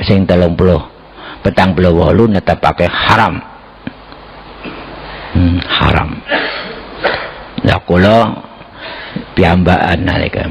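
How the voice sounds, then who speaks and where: Gravelly, low-voiced Javanese cleric. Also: male voice. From Central Java, Indonesia. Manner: folksy, mixes Javanese and Indonesian, laughs, chants Arabic phrases. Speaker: Islamic cleric giving a religious talk. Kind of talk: sermon.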